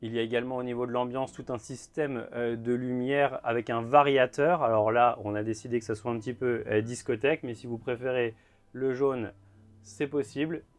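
A man in his thirties gives a guided tour inside a motorhome at a trade fair, talking in a measured way with frequent filler words. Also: medium pitch, fairly even intonation. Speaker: motorhome show presenter. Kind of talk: guided vehicle walkthrough.

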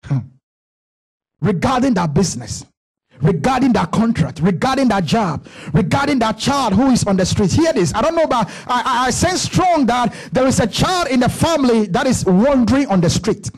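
A pastor in his thirties preaching a sermon on a church stage into a handheld mic, building to shouts with rhythmic repetition. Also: very high-pitched, lively intonation, moderate pace. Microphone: handheld microphone.

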